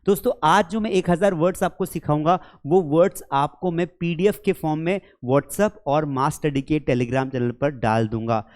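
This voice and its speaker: This online spoken-English teacher has a fairly high-pitched voice with a darkish tone. He patiently explains the material, calls his audience friends and children, and reads his English example sentences slowly.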